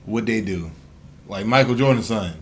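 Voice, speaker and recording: A man's voice: lowish voice, moderate pace, slight background noise. A man co-hosting a podcast who talks sports bluntly in heavy slang and jumps in with short remarks. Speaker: podcast co-host. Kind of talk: casual sports chat.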